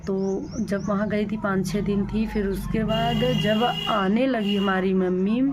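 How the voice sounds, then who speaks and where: A woman's voice: mid-range voice, level tone, measured pace, music in the background. A young adult woman talks straight to her viewers in a casual vlog. She retells events plainly, repeating herself and restarting her sentences often. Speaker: vlogger.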